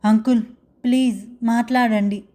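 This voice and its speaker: A woman's voice: on the high side, fairly even intonation, a little slow, mellow, close to an everyday voice. Woman doing a tearful frightened young woman. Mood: tearful pleading. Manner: pleading, tearful questioning.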